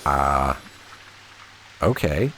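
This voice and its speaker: A man casually commentating a video game he is playing, thinking aloud in a relaxed, wry way. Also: extremely low pitch, drawn-out words. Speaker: let's play host. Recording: audible rain noise behind voice.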